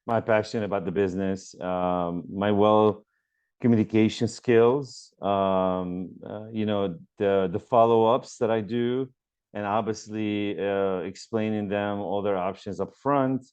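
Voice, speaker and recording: A lowish, steady voice, a little slow and a little mellow, with a clear, resonant tone, belongs to a mortgage broker from Lebanon. He's a guest on a remote call, earnestly fielding interview questions with lots of ums and uhs. It's a conversational interview.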